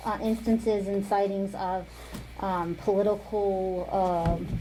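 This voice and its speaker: A woman on a village council presenting survey results at a meeting, speaking with frequent ums and pauses. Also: mid-range voice, level tone, a loud crowd, rough recording. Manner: hesitant, many ums, light laughs. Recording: faint noise, online meeting audio.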